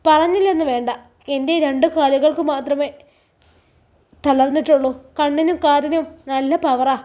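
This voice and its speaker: Woman, Malappuram accent, storyteller, high voice, dramatic dialogue. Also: fairly even intonation, normal speed, dark tone, highs cut off. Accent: Malappuram Malayalam. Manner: dramatic, switches voices for characters.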